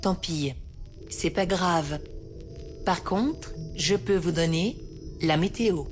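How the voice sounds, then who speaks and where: A woman voicing a female synthetic assistant who talks in a soft, flat way and shrugs off every refusal. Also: on the low side, slow, soft background music. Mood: deadpan. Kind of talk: comedy sketch.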